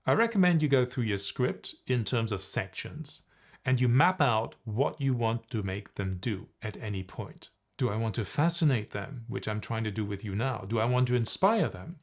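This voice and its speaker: Lively male voice coach teaching on camera. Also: mid-range voice, moderate pace. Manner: animated, playful, demonstrates humming exercises. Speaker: presentation coach.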